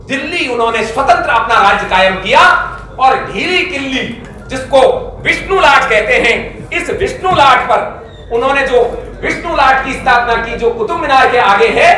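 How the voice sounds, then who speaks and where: A man's voice: very high-pitched, sharp tone. A middle-aged man giving a formal, emphatic talk at a press conference, listing names and dates as he lectures. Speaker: press conference speaker on history. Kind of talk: formal public address. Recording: echoey room, speaker far from mic.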